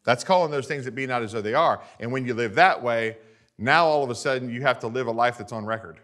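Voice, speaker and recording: A male pastor preaching a sermon to his congregation, animated and often asking them for agreement. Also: mid-range voice, fast talker.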